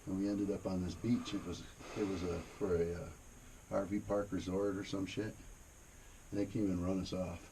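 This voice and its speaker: A man with a low, gravelly voice tells casual stories in a laid-back, rambling, foul-mouthed way. The tone is mellow, and the recording carries faint noise and cave ambience. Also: level tone, moderate pace, low-quality recording. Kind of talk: casual anecdotal storytelling. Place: inside a cave during a tour.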